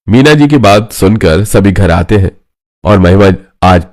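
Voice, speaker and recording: A man narrating an animated family drama in an even storytelling manner. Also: sits low, a little slow.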